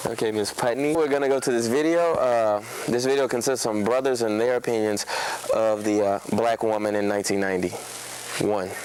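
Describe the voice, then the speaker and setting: A young man hosting a college TV talk show, halting, with many fillers. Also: lowish voice, fairly even intonation, a little mellow, a little hiss or hum, rough recording. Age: young adult. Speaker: student TV host.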